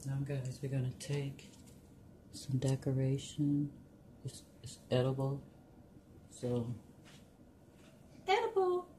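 Woman, cooking vlogger, low voice, slow unhurried talk, chatty, home kitchen, camera on the counter, noisy video. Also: sing-song, warm tone. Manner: chatty, talks viewers through each step. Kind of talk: casual cooking tutorial.

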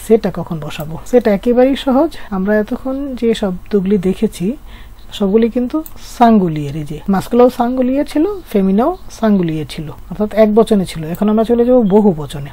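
A woman's voice: medium pitch, lively intonation, fairly quick, warm tone. A woman from Bangladesh teaching a French grammar lesson, patiently explaining step by step and asking rhetorical questions.

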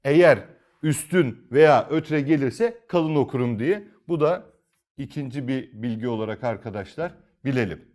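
A man's voice: mid-range voice, expressive, moderate pace, a little mellow. A man teaching Quran reading in a recorded lesson, asking himself questions, repeating key phrases and drawing out example recitations.

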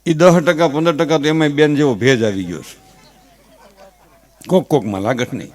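A man with a Kathiawadi Gujarati accent, a stage comedian mixing folksy, animated stories with earnest advice. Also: a little high, moderate pace. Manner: folksy, animated storytelling with gestures; earnest advising. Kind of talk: humorous stage talk with advice.

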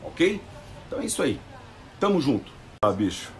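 A man's voice: fairly high pitch, sing-song, moderate pace, darkish tone, slight background noise. A Brazilian man delivering ranting vlog commentary on a TV clip, emphatic, slangy and defiant. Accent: Brazilian Portuguese. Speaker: vlogger reacting to a TV clip.

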